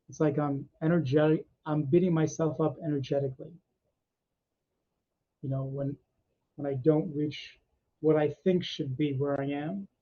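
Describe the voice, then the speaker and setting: A male meditation host chatting with his group on a video call, effusive and energetic. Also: on the high side. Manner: energetic, effusive, talks with laughs. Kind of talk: casual group chat after a meditation. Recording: slightly muffled video call audio.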